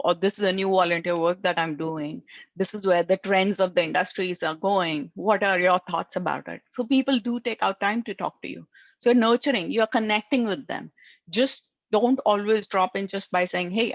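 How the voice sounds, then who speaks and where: This career coach speaks English as a second language with a thick Indian accent, earnestly advising job seekers and checking in with "right?" as she goes. Her voice sits at medium pitch, and the recording is dry and somewhat muffled.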